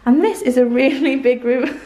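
A woman's voice: sits high, normal speed, noisy background. A woman in her thirties giving a casual house-tour vlog, chatty and fond, with many ums and likes, filmed on a handheld camera at arm's length in a bare, empty house. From England. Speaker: vlogger.

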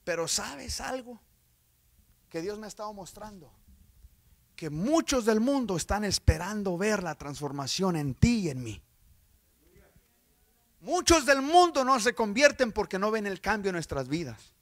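High-voiced fiery evangelist man. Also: sing-song, unhurried, pauses often. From Texas, USA. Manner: swings from loud exclamations to hushed storytelling; repeats phrases, calls out amen and aleluya. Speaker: evangelist preacher. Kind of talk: Spanish-language sermon.

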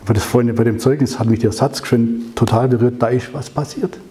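A man giving a conversational sermon, telling the story with rhetorical questions and slowing down on key phrases. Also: medium pitch, steady tone, warm tone, slight background noise. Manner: slows down to stress key phrases. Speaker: preacher.

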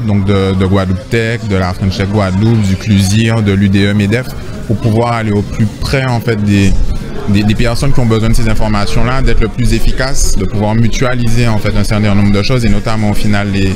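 A man calmly explaining in a press interview, with hesitations. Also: fairly low pitch. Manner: measured, explanatory, fillers. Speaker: tech association president. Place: indoor event room. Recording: music underneath.

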